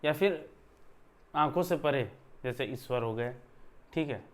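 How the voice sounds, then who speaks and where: A man's voice: mid-range voice, takes it slowly. Man teaching a casual grammar lesson. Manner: conversational, repeats "thik hai" often, stresses words for emphasis. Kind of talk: explanatory online lesson.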